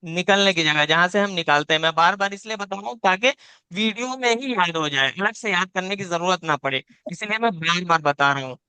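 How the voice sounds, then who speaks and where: Bright, clear-voiced male Quran teacher. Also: high voice, a little fast, no echo. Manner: patient, repeats points, demonstrates each sound aloud. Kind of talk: live online class, teaching letter sounds. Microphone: video call.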